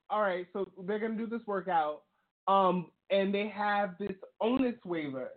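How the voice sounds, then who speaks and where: A man co-hosting a talk show, explaining things in a chatty way full of "um" and "like.". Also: sits high. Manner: chatty, many fillers like "um" and "like". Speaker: podcast co-host. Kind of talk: casual talk-show commentary. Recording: tinny phone-like call audio.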